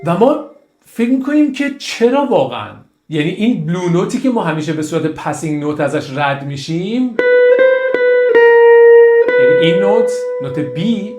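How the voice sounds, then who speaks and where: Male music teacher, eager and chatty, sings examples; roomy sound under loud guitar. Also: a little high. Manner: enthusiastic, sings phrases to demonstrate. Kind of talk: casual jazz theory lesson. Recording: echoey room with guitar music.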